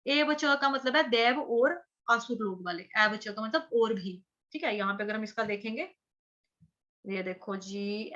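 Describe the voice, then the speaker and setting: High bright lady teaching kids to chant sanskrit, repeats syllables slow, kinda dull lo-fi sound. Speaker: Sanskrit recitation teacher for children. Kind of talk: online chanting lesson, explaining word by word.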